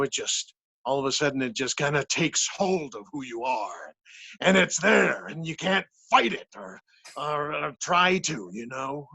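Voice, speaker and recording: A man talking casually as an interview guest, halting and repeating words as he searches for the next one. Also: medium pitch, bright, forceful tone, poor audio. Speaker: puppeteer and voice actor, interview guest.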